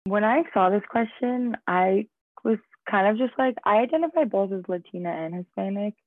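A woman's voice: medium pitch, moderate pace, no echo. A young woman student athlete talking casually in a rambling way, full of fillers. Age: young adult. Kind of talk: casual discussion. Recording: tinny phone-like line.

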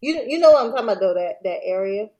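A woman's voice: mid-range voice, expressive, fast talker, mellow, poor audio. Woman retelling a story, slangy and digressive. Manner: slangy, digressive, laughs between lines. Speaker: podcast host. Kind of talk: casual storytelling.

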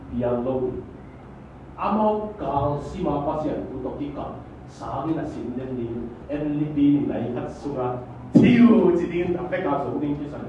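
A man's voice: on the high side, moderate pace, background noise. A man preaching a sermon in a church hall, drawing responses from the congregation. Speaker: pastor. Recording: echoey hall, distant mic, dull sound.

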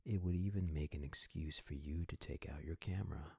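A man hosting a sleep podcast, narrating scripted stories intimately to the listener in a soothing, husky, breathy voice that often trails into a whisper. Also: extremely low pitch, fairly quick, a little mellow, no echo, clean studio sound. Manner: intimate, addresses listener as a friend. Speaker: host of a bedtime sleep podcast.

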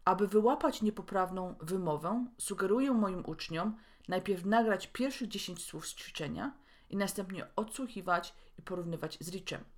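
A woman from Poland hosting a podcast lesson, speaking clearly and deliberately and slowing down to model each word. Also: mid-range voice. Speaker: podcast host and English pronunciation teacher.

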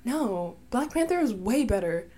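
A woman's voice: a little high, sing-song, measured pace, dark tone. A woman co-hosting a casual podcast, chatting about films, often stumbling over names, apologizing and laughing. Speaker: podcast co-host. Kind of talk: casual chat.

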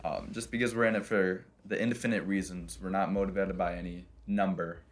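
A man's voice: low voice, fairly even intonation, a little fast. A young adult man co-hosting a casual podcast in a garage, talking in an informal, bro-ish way. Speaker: podcast co-host.

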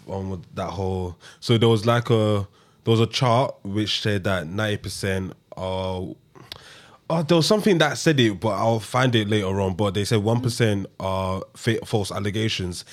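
A man with a London accent giving opinions in casual, slangy podcast chat. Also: fairly low pitch.

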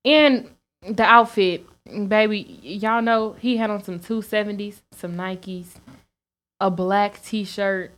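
A young woman, co-hosting a podcast, telling a story in an animated, profane way and laughing often. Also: medium pitch, slow. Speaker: podcast co-host. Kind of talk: casual storytelling chat.

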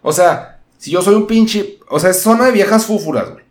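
Profane northern Mexican podcast host. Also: male voice, high voice, expressive, a little fast, echoey room, slight background noise. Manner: profane, slangy, rambling. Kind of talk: casual comedic rant.

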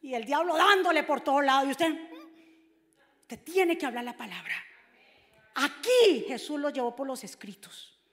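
Woman preacher, bright ringing tone, animated sermon, reverberant hall. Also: high-pitched, normal speed. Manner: animated, swings from hushed asides to shouting scripture.

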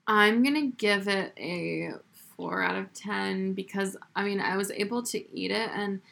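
A young adult woman co-hosting a casual podcast chat with a dry, drawn-out delivery. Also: mid-range voice, creaky, fairly bright tone. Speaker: podcast co-host.

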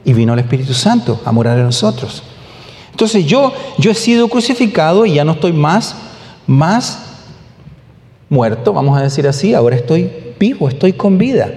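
Guy preaching, kinda high voice, fired up and asking questions at the crowd, big echoey church sound. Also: darkish tone. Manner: emphatic preaching, rhetorical questions, bursts of raised voice. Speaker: pastor. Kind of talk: sermon. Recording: echoey, long hall reverb.

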